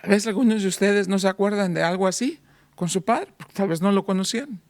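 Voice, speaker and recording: A man pastor preaching an emphatic sermon that swings between raised, stressed peaks and soft, low, intimate passages, with phrases often repeated. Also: quick pace, dry recording. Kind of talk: evangelical sermon.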